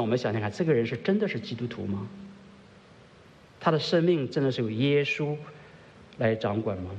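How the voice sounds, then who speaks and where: A man preaching a sermon as pastor to a congregation at a church service. He keeps asking his listeners questions, swings between soft and emphatic delivery, and drops English words into his speech. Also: medium pitch, in a large hall.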